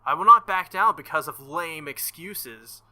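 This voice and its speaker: A man's voice: on the high side, lively intonation, a little slow, pushed and bright, heavily acted. Man voicing Saber, a stern, earnest young woman knight. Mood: stern, scolding. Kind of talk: visual novel dialogue read aloud.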